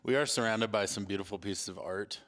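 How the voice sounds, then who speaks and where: A man with a fairly low voice hosts a casual podcast. He speaks in a large, reverberant space, so his words carry a long cave-like echo. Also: brisk, fairly bright tone, faint music behind. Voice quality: echoey, cave-like sound. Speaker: podcast host. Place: large echoey room in a former monastery. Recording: echoey cave-like stone hall.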